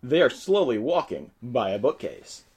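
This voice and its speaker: Man reading stage directions, lively. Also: medium pitch, moderate pace, husky. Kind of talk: script table read.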